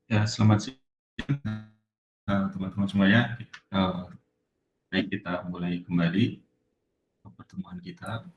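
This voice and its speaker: A man teaching an online class, his call audio breaking up as he talks haltingly with many pauses and fillers. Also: low voice, little pitch movement, reverberant, highs cut off, a little hiss or hum. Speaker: programming instructor. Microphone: video call.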